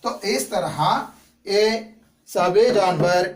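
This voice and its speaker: Male teacher going over a story for kids, slow and kinda high, asks then answers, echoey room. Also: far from the mic. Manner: explains each Hindi word again in English; asks the class questions and answers them himself. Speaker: school teacher. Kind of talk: classroom story lesson.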